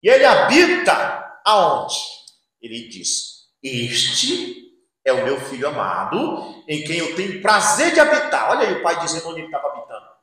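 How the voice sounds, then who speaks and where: A man preaching a sermon in a church, swinging between loud outbursts and hushed asides and acting out the voices he quotes. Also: fairly high pitch, huge pitch swings, moderate pace. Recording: very echoey church hall.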